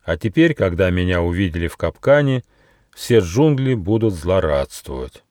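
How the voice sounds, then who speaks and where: A man's voice: low-pitched, expressive, moderate pace, dry recording, studio quality. A man doing a lonely, grand old tiger king. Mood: bitter. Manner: weary, grand, loud. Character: big lonely feared male tiger, king of the jungle.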